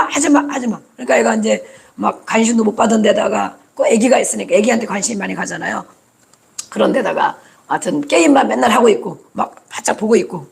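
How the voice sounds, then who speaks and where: A man's voice: high-pitched, gravelly. A male preacher giving a conversational sermon, chatty and acting out prayers and scolding as he goes.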